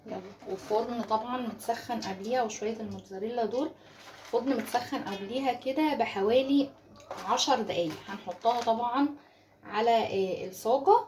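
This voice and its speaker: A quick, chatty woman with an Egyptian accent walks viewers through a recipe in her home kitchen. Her voice sits a little high, and she coaxes along as she works, with faint room sound behind her. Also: a little hiss or hum. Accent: Egyptian Arabic. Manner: chatty and warmly coaxing, addresses viewers as ladies. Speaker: home cooking channel host. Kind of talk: casual cooking tutorial.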